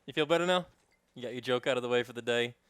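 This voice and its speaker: A man's voice: medium pitch, very fast, fairly bright tone, smooth, dry recording. A man with a New York accent co-hosting a podcast, teasing his friend with hypothetical questions in casual banter. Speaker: podcast co-host.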